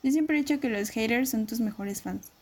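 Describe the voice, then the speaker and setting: A woman's voice: a little high, brisk, a little mellow. A Mexican woman co-hosting a podcast, chatting casually and telling stories with slang. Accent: Mexican Spanish. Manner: slangy, storytelling. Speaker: podcast co-host. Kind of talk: casual chat.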